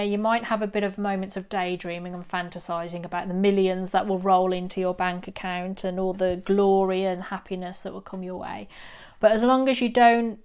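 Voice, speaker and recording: A woman giving a tarot reading to her viewers. Her voice is smooth and clear. She talks in an encouraging, meandering way and pauses often on ums. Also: mid-range voice. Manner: gentle, encouraging, rambling with ums. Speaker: tarot reader. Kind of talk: pick-a-card tarot reading.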